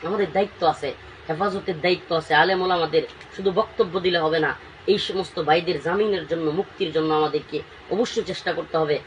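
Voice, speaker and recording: A man's voice: on the high side, fairly even intonation, fairly quick, a bit bright. A man, speaking as a cleric in an interview, emotional and pleading, with emphatic outbursts. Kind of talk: impassioned interview talk. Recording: distant mic with faint background noise.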